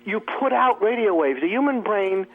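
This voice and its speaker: Over tinny, phone-like radio audio, a talk radio host riffs sarcastically through a comic monologue. His voice sits high and expressive at a normal speed, and he laughs at his own jokes.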